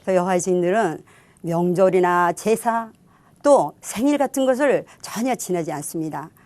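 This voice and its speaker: A woman's voice: fairly low pitch, expressive, normal speed, darkish tone, no echo. Woman, middle-aged, church testimony, reflective, earnest, dry close recording. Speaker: testimony speaker.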